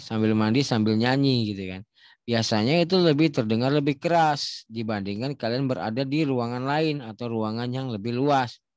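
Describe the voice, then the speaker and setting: A man explains a lesson in a casual, chatty way. His voice sits at an ordinary middle pitch. The recording is dry and close, with no room echo. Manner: demonstrates echoes by shouting and imitating sounds. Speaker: teacher.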